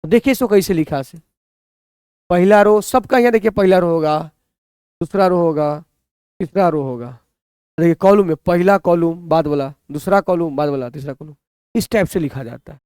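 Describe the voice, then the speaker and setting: A man's voice: fairly high pitch, normal speed, a little mellow, clean tone, dry recording, studio quality. A man teaching a maths lesson, who keeps asking the students questions and answering them himself.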